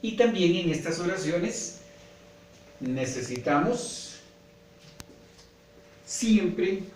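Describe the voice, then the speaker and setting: Slow, patient Guatemalan teacher, echoey room. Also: male voice, fairly high pitch, a little mellow. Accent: Guatemalan Spanish. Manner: patient, repeats points, often asks "¿verdad?". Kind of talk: slow classroom grammar lesson. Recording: echoey room, voice from far off, faint noise.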